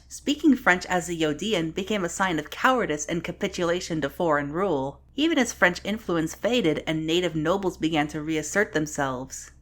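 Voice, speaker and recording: A woman giving scripted narration for a language showcase, with deadpan sarcastic asides and sudden dramatic outbursts. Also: on the low side.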